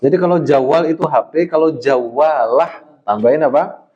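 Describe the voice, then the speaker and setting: A man teaching Arabic to a class, drilling questions and explaining words patiently, often ending phrases with a soft "ya". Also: on the high side, a crowd in the background. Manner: slow, patient drilling with frequent "ya". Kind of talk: classroom Arabic lesson in Indonesian. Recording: roomy, slightly dull classroom sound.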